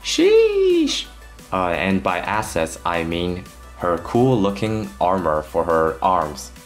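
A man with a low, deep voice hosts his own toy review as a voice-over. He talks through the unboxing in an earnest, scripted way with the odd light joke, and soft music plays faintly underneath. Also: slow.

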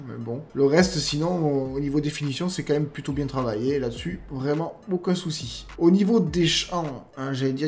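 A man reviews game mods on YouTube, chatting over gameplay in a non-standard French accent. His mellow voice is on the high side, and he fills his commentary with fillers and friendly remarks, addressing viewers as "guys."

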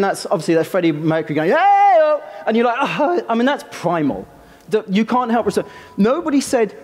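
An animated British man speaks from a stage to a live audience, his somewhat high voice rising and falling a great deal. He is excitable and self-deprecating, a composer sharing his ideas with an audience. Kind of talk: live conference talk.

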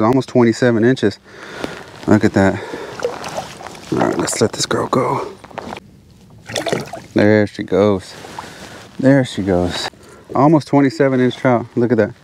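A man's voice: fairly low pitch, slight background noise. Guy narrating from a kayak. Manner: excited, repeats phrases, drops to hushed whispers when sight casting. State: out of breath from heat. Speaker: fishing channel host. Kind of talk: casual outdoor narration to camera. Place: kayak on open water outdoors.

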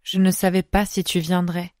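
A woman voicing a passionate knight who speaks in a low, hushed, intimate way. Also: level tone, moderate pace, no room sound, studio quality, natural voice. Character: passionate grown knight, husky and tender.

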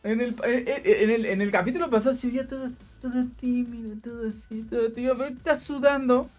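A woman reacting to a manga chapter, excitable and quick to laugh or exclaim, often searching for words. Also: fairly high pitch, soft background music. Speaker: manga reaction channel host. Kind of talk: casual manga reaction, reading dialogue aloud.

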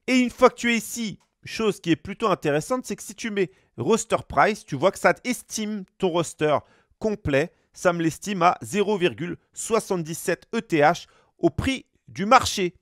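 A man's voice: on the high side, dry recording, studio quality. A man hosting a casual screen-share tutorial, chatting straight to the viewer with frequent fillers. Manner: chatty, lively, addresses viewer directly with many fillers. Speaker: YouTube host.

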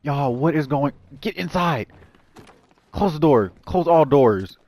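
Male gaming host, gameplay commentary, anxious, talks to viewers, a little high-pitched. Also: expressive, slow. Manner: jittery, anxious self-talk addressed to viewers; breaks into high panicked yelling when in danger.

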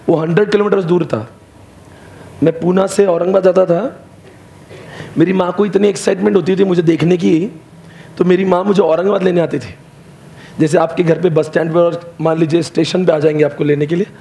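A man's voice: high-pitched, creaky, warm tone. A young adult man speaking to students as their teacher, telling a story in an emotional motivational speech and switching between Hindi and English phrases.

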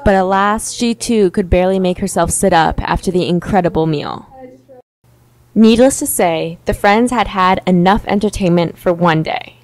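Young woman narrator, low-ish voice, deadpan mock-heroic delivery, dry close sound. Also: normal speed, no room sound, low-quality recording. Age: young adult. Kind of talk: mock-epic storybook narration.

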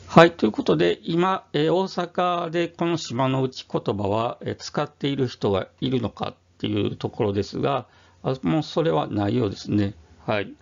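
Gravelly Osaka man explaining slowly. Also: mid-range voice, lo-fi sound. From Osaka, Japan. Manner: measured, formal, many "um" fillers. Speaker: YouTube history presenter. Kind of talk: explanatory monologue.

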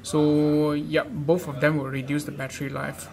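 Walking viewers through a gadget tutorial in a casual, hesitant, repetitive manner, this man speaks at a moderate pace. His voice is a little high, monotone and slightly mellow, captured in an obviously noisy amateur recording.

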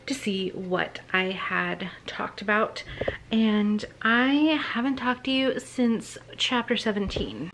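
A woman with a medium-pitched voice talks informally to a camera in a small bedroom. She retells a story conversationally, pausing and restarting, with emphatic asides. A light layer of room noise sits behind her. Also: low-quality recording. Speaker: book vlogger.

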